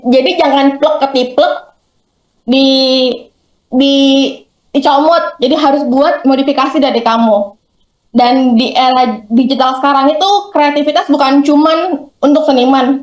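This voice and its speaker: Chatty high-voiced woman teacher. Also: roomy sound. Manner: chatty, acts out quick examples in voices. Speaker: workshop speaker. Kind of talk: classroom talk on content creation. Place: school hall.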